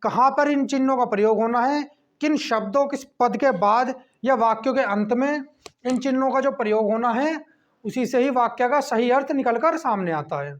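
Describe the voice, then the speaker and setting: A man teaching a class lesson, checking in with a quick "okay" between points as he explains. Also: extremely high pitch. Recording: dull lo-fi recording.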